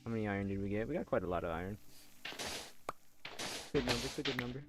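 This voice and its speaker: A man's voice: lowish voice, animated, quick pace, very noisy. A man streaming a game, chatting casually and rambling with many restarts, a little out of breath. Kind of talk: casual game livestream chat. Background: music.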